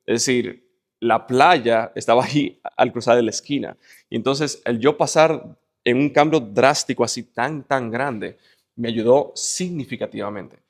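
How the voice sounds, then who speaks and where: Speaking at a measured pace, a man with a mid-range voice and a Dominican Spanish accent gives an interview. Originally from the Dominican Republic, he is forceful and inspiring, leaning on lists and rhetorical questions.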